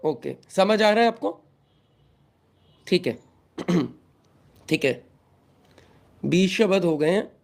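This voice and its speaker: An older man from Punjab with a Punjabi lilt softened toward Hindi, speaking in a high, light voice. He moves at a slow, deliberate pace, saying every line twice and sometimes spelling a word out letter by letter as he hosts a live devotional stream. The sound comes from a simple home webcam setup. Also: expressive, vocal fry. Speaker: satsang host. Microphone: webcam or phone on a live stream.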